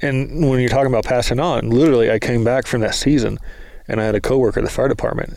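A man telling a lively story in casual talk, acting out the quoted lines of others. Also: mid-range voice, fast, vocal fry, dry recording. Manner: animated storyteller, acts out quotes. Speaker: guest, bow hunter.

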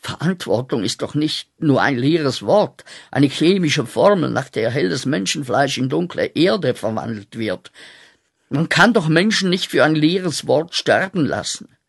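A man acting a guilt-ridden corporal back from the war, in a radio play, speaking with slow, intense, declaiming rhythm. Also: a little high, expressive, gravelly, breathy edge, no room sound, studio quality, full character voice. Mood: weary pleading.

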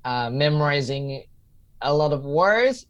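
A man's voice: fairly high pitch, animated, a little slow, clean tone, dull audio. Reflective man in his thirties. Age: 30s. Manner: reflective, repeats himself while searching for words. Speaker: guest, comedian and teacher. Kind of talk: casual interview answers.

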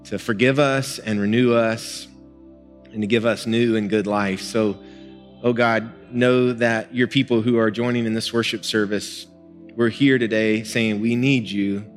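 A male pastor with a lowish, fairly even voice preaches unhurriedly in a church sanctuary, delivering a sermon and prayer in a conversational, earnest way with small laughs. Music and long hall reverb fill the recording.

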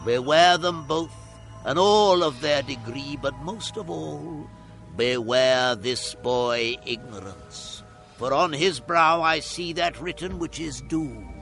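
An actor playing a grand, solemn ghost in a radio drama, declaiming with urgent, rebuking oratory. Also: male voice, fairly high pitch, takes it slowly, gravelly, a bit bright, full character voice. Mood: grave, warning. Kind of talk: theatrical radio drama acting. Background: music.

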